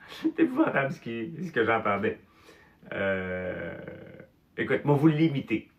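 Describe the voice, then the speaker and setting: A Québécois man in his fifties or older, telling childhood stories in casual chat, animated, with mild swearing and filler words. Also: medium pitch, measured pace, dull audio. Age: 50s or older. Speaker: host.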